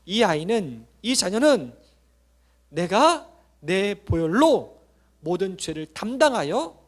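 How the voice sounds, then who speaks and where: A man's voice: sits high, sing-song, takes it slowly, heavily acted. Man doing a firm, loving savior figure, solemn and declaring. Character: firm, loving male savior vouching for his child.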